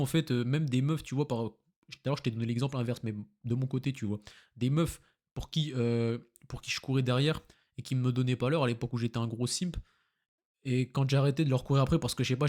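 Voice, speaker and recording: Young french guy talking super fast, slangy, lots of fillers, rambling to camera. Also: medium pitch, a little mellow. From France. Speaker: content creator. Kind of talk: casual monologue to camera.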